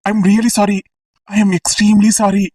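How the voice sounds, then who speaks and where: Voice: mid-range voice, fairly even intonation, a little fast, far from the mic, lightly acted. A voice actor doing a sulky, clingy young guy. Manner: hesitant, sulky, stammering. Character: clingy sentimental young male student. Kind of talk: comic voice acting.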